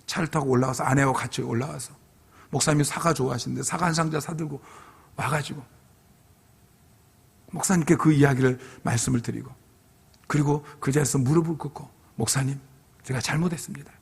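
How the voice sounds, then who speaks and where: Earnest pastor, gravelly voice, church reverb. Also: male voice, fairly high pitch. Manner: earnest storytelling, acting out his own past pleas. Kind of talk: revival sermon with personal testimony. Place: church sanctuary. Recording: long hall reverb.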